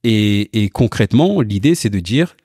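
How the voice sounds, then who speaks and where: Appearing as an interview guest, a man who founded a car company and was born in Portugal talks lively and informally, circling back on words as he hunts for them. He sits on the low side, a little mellow, at normal speed with expressive intonation, captured cleanly in a studio with no echo.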